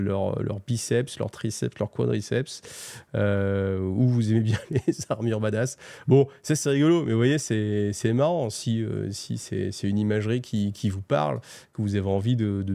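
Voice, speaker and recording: A man's voice: on the low side, creaky, dark tone, no echo. A middle-aged man with a French accent, hosting a casual, joking roundup of new tabletop game releases, full of fillers and restarts. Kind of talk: casual, animated product roundup.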